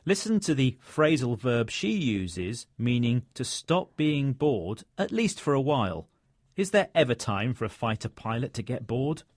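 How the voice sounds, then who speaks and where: A man hosts a scripted learning programme in a clear, measured voice. He sits at a mid pitch. The studio sound is close and dry. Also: sing-song, no room sound. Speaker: host. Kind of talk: scripted educational radio chat.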